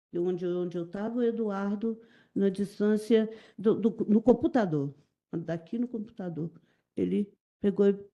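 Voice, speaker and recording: A middle-aged Brazilian woman giving halting, repetitive, emotional testimony as a witness in a courtroom. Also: mid-range voice, dark tone. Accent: Brazilian Portuguese. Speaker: witness testifying in a jury trial.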